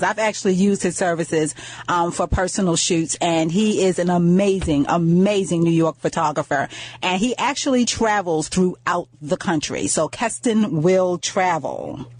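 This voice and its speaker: A woman's voice: lowish voice, a little mellow, dry recording. Chatty woman hosting a radio show. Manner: upbeat and chatty, repeating words, with fillers. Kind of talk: radio talk show interview.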